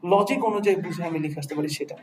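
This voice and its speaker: In a classroom lecture for an English test class, a high-pitched man with a Bangladeshi accent speaks rapid-fire. He blends English words into his Bengali and often checks the students' understanding with questions, while the room echoes and faint noise can be heard.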